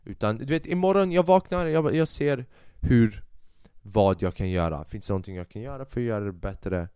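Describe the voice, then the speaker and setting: A man's voice: lowish voice, smooth, dry recording, studio quality. Swearing young podcast man. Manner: animated, swears a lot, mixes in English phrases. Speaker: podcast host. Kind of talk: casual solo podcast monologue.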